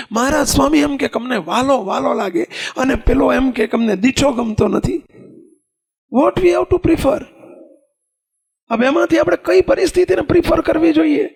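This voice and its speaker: A man's voice: extremely high pitch, creaky. A man with a Gujarati accent preaching a sermon, telling stories and putting questions to his listeners. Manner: animated storytelling, rhetorical questions to listeners.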